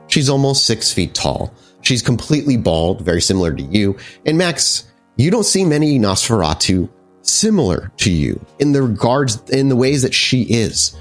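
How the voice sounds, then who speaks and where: Running a tabletop horror game, a fairly low-voiced man narrates as storyteller, making up descriptions on the fly in a casual, conversational style with the occasional curse word.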